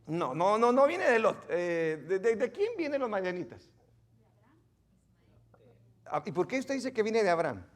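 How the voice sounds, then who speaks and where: Male preacher, high and very expressive, teasing questions to the congregation, sermon in a church. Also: measured pace, long pauses. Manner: quizzes the congregation, joking and exclaiming. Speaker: pastor. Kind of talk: interactive Bible teaching sermon.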